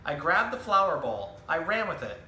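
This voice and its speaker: A man with a fairly high, sing-song voice talks at a normal pace in a sharp tone. He is a zookeeper hosting an animal storytime, casually teaching about animals and reading a picture book aloud in simple words for children. The recording has a roomy echo and some background noise.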